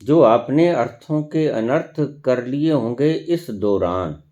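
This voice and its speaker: A male spiritual teacher delivers a discourse with a melodic voice that rises and falls widely. He speaks slowly and deliberately, posing one rhetorical question after another. His tone is mellow. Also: mid-range voice, animated, highs cut off.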